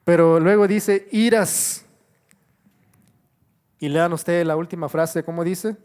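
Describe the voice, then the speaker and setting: Preaching in a church, this middle-aged man speaks at a moderate pace with a fairly high, clean, slightly mellow voice and fairly even intonation. He repeats phrases, says "gloria a Dios" often, addresses his listeners as brothers, and poses rhetorical questions.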